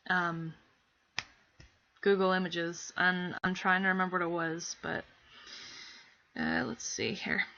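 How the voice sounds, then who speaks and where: A woman's voice: fairly low pitch, expressive, takes it slowly, pauses often, bright, forceful tone. A young woman live streaming from home, chatting casually in a rambling, giggly way, her throat scratchy from a cold. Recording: dull lo-fi stream audio.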